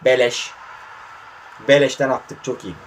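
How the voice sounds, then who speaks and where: A man commentating his own mobile football match, muttering in frustration and breaking into sudden excited outbursts, hot and sweating in a warm room. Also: mid-range voice, a little slow, a little hiss or hum. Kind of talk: casual live gameplay commentary.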